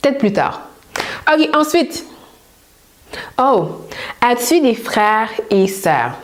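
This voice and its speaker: A woman's voice: fairly high pitch, big pitch swings, takes it slowly. Chatty young Québécois woman vlogger. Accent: Québécois French. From Canada. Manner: chatty, hesitant with fillers. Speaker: YouTube host. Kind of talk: casual Q&A vlog.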